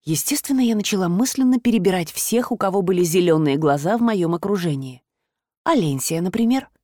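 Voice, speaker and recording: A woman reading first-person audiobook narration in an even, reflective way. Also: fairly low pitch, fairly quick, dry recording, clean studio sound.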